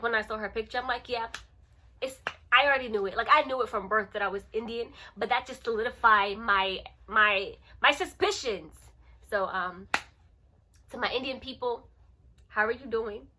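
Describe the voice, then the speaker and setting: A young woman talking straight to her camera in a chatty vlog. Her voice is bright and a little high, and her delivery is playful and animated as she teases her viewers. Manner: playful, animated, addresses viewers as guys and y'all. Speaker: vlogger. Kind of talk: casual chat to camera.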